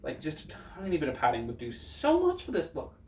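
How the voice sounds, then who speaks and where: A man's voice: fairly high pitch, wildly swooping pitch, fairly quick, dark tone. A man with a sassy, campy drag queen manner giving casual, blunt reaction commentary. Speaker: drag performer reviewing looks. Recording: roomy echo, distant microphone.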